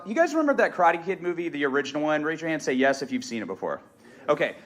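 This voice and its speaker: A man in his thirties giving an energetic live motivational talk on a museum stage, speaking into a stage microphone. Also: medium pitch. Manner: energetic, rallying the audience. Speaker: motivational speaker and martial arts instructor. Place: stage at an event venue in a museum.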